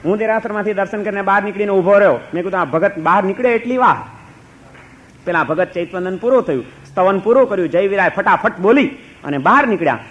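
Man, monk, animated sermon, ironic questions, high voice, dull lo-fi recording. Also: quick pace. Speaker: monk preacher. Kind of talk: sermon with storytelling.

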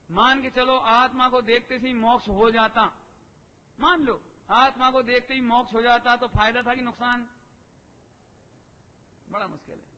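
A man preaching a sermon to an assembly, lively and full of rhetorical questions to his listeners. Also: extremely high pitch. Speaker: Jain preacher. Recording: echoey hall, dull lo-fi sound.

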